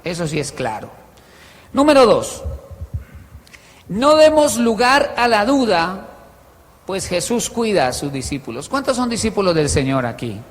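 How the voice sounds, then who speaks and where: High-voiced pastor preaching in an echoing hall. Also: male voice, a little slow, pauses often. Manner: animated, swings between loud and quiet; tells stories with humor. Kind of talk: sermon. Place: church hall with a congregation. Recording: long hall reverb.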